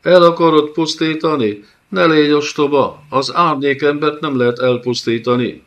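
A man's voice: on the high side, pitched above the performer's own voice. Man voicing an undead woman trapped in a golem. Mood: mocking. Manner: taunting, eerily calm. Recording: dull lo-fi audiobook recording.

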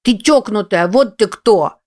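A brash young boy who bosses his little gang around and hurls taunts at the top of his voice, as a woman reading the book puts him on. The voice sits well above her own and comes out loud and cocky. It is storybook audio, the kid's defiance carrying every line. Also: mid-range voice, lively intonation, unhurried, pitched above the performer's own voice, natural voice. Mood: defiant. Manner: shouting, taunting.

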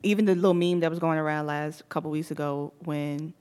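A woman's voice: deep voice, a little fast, clear, resonant tone. Chatty young woman on a radio show. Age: young adult. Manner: chatty, animated, laughs easily. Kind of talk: casual chat.

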